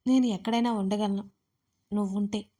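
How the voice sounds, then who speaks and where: Brief: a woman narrator doing a soft-spoken young husband, calm and affectionate, in her own voice. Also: medium pitch, moderate pace, lightly acted.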